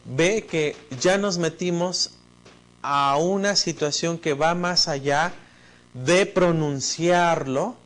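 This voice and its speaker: A male teacher, explaining concepts step by step in an online lecture and speaking directly to the student. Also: a little high.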